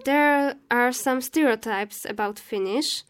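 A woman's voice: a little high, slow, clean tone. A woman interviewer asking questions in a hesitant way, with non-native phrasing.

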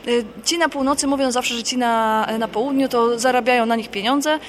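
A woman from Poland, a guest author, answering interview questions in a thoughtful, explanatory and unhurried way. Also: a little high, fairly even intonation, a little hiss or hum.

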